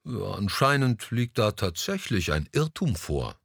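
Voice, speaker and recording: A man's voice: fairly low pitch, big pitch swings, unhurried, gravelly, slightly rough, dry recording, clean studio sound, exaggerated voice. A man reading an audiobook, voicing a vain, silver-haired gallery owner who grumbles and talks down a little. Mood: testy. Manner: grumbling, mildly condescending. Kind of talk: audiobook dialogue.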